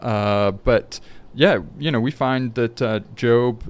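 Male host, clear mid voice, cheerful and easygoing, church podcast. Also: medium pitch, takes it slowly. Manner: upbeat, agreeable, laughs easily. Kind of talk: casual chat about Scripture.

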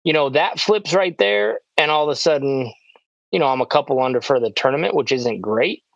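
A man and pro disc golfer, recapping his tournament in a relaxed, rambling casual chat full of "like" fillers. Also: mid-range voice, a little fast, no echo. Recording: dull, dry lo-fi sound.

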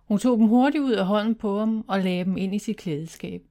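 A woman's voice: mid-range voice, dark tone. Woman reading a children's story.

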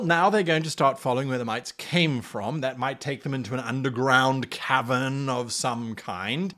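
A man hosting a podcast, talking enthusiastically about running tabletop games, slipping into playful accents now and then. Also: sits high. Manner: animated, slips into playful put-on accents. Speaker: podcast host giving game master advice. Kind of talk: enthusiastic solo podcast talk.

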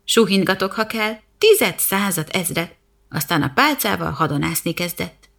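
A woman's voice: lowish voice, animated, creaky, a bit bright, full character voice. A woman voicing a lazy, cocky young cat apprentice who boasts and mocks in silly rhymes. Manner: mocking, silly, boastful rhyming.

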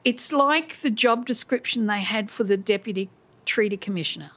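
A woman's voice: medium pitch, moderate pace, a bit bright. A middle-aged woman, speaking conversationally in an outspoken, storytelling way during an interview discussion.

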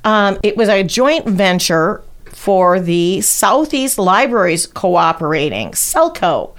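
A woman's voice: medium pitch, sing-song, slow pace. A middle-aged woman, hosting a casual history podcast and rambling through her notes with fillers and restarts. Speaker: podcast host presenting local history. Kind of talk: casual chat.

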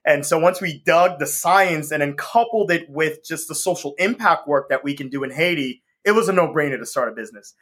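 Speaking briskly with few pauses, this man has a fairly high, slightly bright voice. He's a company co-founder from the US Northeast, an enthusiastic guest in a casual interview who laughs frequently and fills in with ums.

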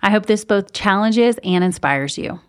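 Female host, interview, affirming and encouraging, medium pitch. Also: expressive, normal speed, smooth. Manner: warm encouraging, frequent affirming murmurs. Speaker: podcast host. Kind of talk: interview hosting.

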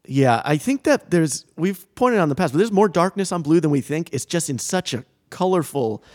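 A man co-hosts a relaxed music podcast and laughs easily between points. His voice sits a little high and moves animatedly up and down. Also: moderate pace. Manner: jokey, laughs often, animated. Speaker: podcast co-host. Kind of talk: casual podcast chat.

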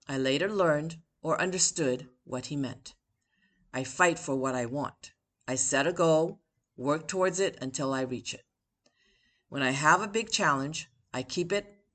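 A woman who is an author and podcast host reads her own personal essay in a notably low voice with a slightly bright tone. The pace is measured and deliberate, with emphatic pauses between phrases.

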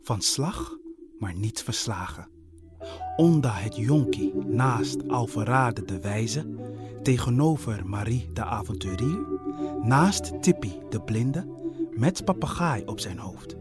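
A man's voice: lowish voice, animated, over loud music. A man telling a children's ghost story in a playful, storybook narration style. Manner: slow, playful, wordplay-heavy.

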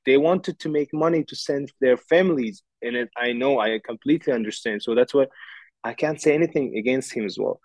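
A man from Uzbekistan speaking English, stopping often to restart his sentences and filling pauses with soft "uh"s. He tells a personal story as a podcast guest. His voice is close and dry, with no room sound around it. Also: mid-range voice, no echo. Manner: halting, with many fillers and restarts.

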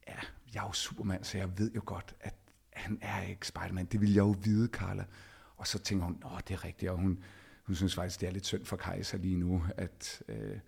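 A middle-aged man, a podcast host, telling a personal story in an animated way and acting out the dialogue himself. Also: low voice, gravelly, breathy edge. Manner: animated, acts out quoted dialogue.

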